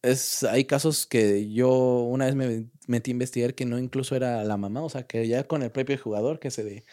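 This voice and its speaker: Young mexican dude rambling on a podcast, slangy, lots of restarts. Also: male voice, medium pitch, steady tone, a little fast, dark tone. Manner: slangy, storytelling with many restarts and fillers. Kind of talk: casual chat.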